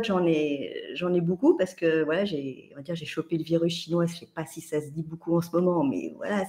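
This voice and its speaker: A French woman in her fifties appears as a guest on a casual podcast, telling travel stories. Her fairly low voice is lively and animated, with many restarts and fillers.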